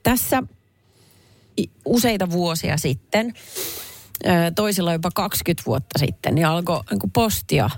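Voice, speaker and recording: A woman co-hosting a radio show in casual chat, with lively sudden high exclamations. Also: long pauses, no room sound. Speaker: radio host. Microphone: studio mic.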